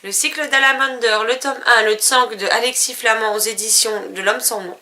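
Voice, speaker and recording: A woman's voice: on the high side, fairly even intonation, normal speed, sharp tone. A woman vlogger casually listing books and publishers, with fillers and self-corrections. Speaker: book vlogger. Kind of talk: casual book haul vlog.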